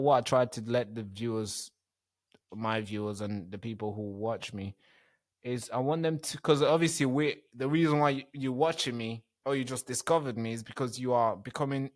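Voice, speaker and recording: A young man hosting a podcast over a remote call, talking in a relaxed, chatty way with frequent restarts. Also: mid-range voice. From born in a refugee camp in Tanzania. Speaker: podcast host. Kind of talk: casual interview chat.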